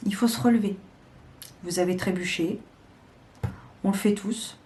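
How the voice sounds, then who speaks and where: Slow, mellow-voiced woman reading tarot. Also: mid-range voice, fairly even intonation. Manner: slow, deliberate, with hesitations. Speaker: tarot reader. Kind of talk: weekly tarot guidance.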